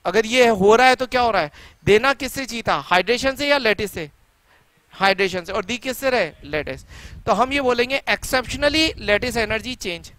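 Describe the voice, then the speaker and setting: A middle-aged male teacher lecturing a class in a high, bright voice. He keeps firing rhetorical questions at his students and repeats key points for emphasis. The sound is close and dry. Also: no echo. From India. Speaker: chemistry teacher.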